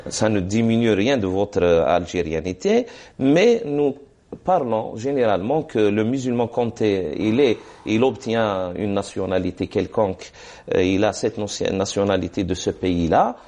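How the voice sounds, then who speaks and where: A religious scholar answering questions in a TV studio has a fairly low-pitched, warm voice and speaks a little slowly. He gives religious advice on the program hesitantly, with frequent fillers and Arabic formulas recited along the way.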